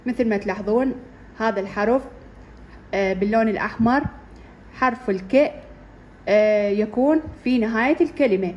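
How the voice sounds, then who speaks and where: A woman's voice: fairly high pitch, a little mellow, dull audio, slight background noise. A woman with an Iraqi accent teaching a first-grade reading lesson, repeating and stretching out syllables for young children. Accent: Iraqi Arabic. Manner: slow, drawn-out repetition of syllables for drilling. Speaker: primary school teacher.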